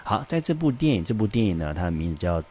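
A male English teacher, giving a vocabulary lesson, spelling out syllables and repeating each word slowly. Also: on the low side, very animated, a little mellow, slightly rough. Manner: peppers speech with "好" and "呢".

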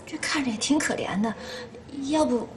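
An actress playing a meek young wife who speaks softly and pleadingly to her mother in a TV drama. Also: high voice, normal speed, natural voice. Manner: soft-spoken, pleading. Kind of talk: TV drama acting.

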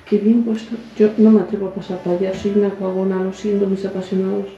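Woman vlogger, excitable and hushed, dull echoey camera audio with faint music. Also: mid-range voice, fast talker. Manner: excitable, exclaims and marvels aloud, often hushed. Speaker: urban explorer host. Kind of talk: casual exploring vlog. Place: inside an abandoned house.

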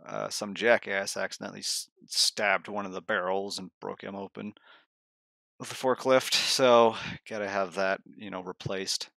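A man playing a tabletop role-playing game over voice chat, thinking aloud in a halting manner. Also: on the low side, steady tone, gravelly, bright, forceful tone, no echo. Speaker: tabletop role-play player.

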